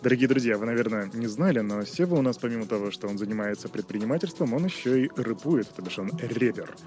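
A man's voice: mid-range voice, animated, quick pace, darkish tone, soft background music. A man hosting an interview, playful and speaking straight to the audience. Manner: playful, addresses the audience directly. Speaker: interviewer host. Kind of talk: podcast interview.

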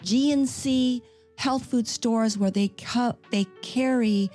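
A woman's voice: on the high side, slow, dark tone, soft background music. An American woman chatting in a casual group discussion in a tentative, hedging way.

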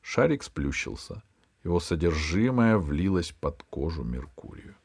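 A man narrating a children's adventure audiobook in an even storytelling manner. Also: extremely low pitch, a little slow, creaky, breathy edge. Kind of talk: scripted narration.

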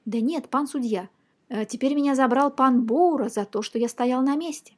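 A woman's voice: high-pitched, normal speed, a little mellow. A woman voicing a meek, honest male tramp who answers humbly in a storybook reading. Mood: pleading. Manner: humble, pleading replies.

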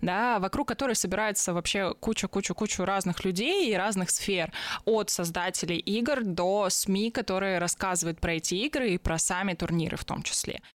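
A woman co-hosts a casual podcast, introducing her guest and asking questions in a playful, easygoing way. The sound is dry and close, with no room echo. Her pitch is an ordinary middle for a woman. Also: moderate pace. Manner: playful, laughs often. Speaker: podcast co-host.

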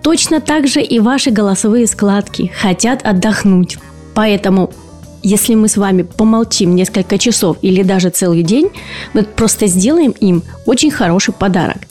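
Her mid-range voice is a touch mellow and moves at a normal speed, with soft music playing underneath. As host of an educational podcast, this woman, a speech and voice therapist, lays out explanations patiently and asks her listeners rhetorical questions.

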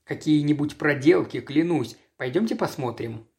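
A man's voice: fairly high pitch, lively intonation, moderate pace, darkish tone. Reader doing a brash, teasing young man.

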